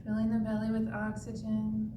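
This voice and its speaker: A woman tai chi instructor giving serene, meditative movement and breathing cues with long pauses. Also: completely flat delivery, muffled recording. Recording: echoey, distant mic with clear rumbling noise.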